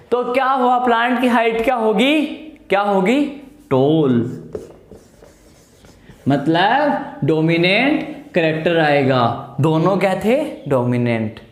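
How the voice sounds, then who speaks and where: A man's voice: sits high, sing-song, takes it slowly. A male biology teacher giving an exam-prep lecture, asking his class questions and answering them himself, repeating key terms and using homely examples. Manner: explains with homely everyday examples in a coaxing tone. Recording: echoey room.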